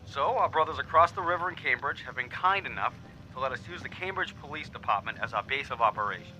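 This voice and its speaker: Tough police captain briefing, really sharp forceful voice, punchy and commanding, video game tape with rumbly noise. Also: male voice, animated, fast talker, poor audio. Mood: commanding, resolute. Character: brisk, tough male police captain rallying his task force.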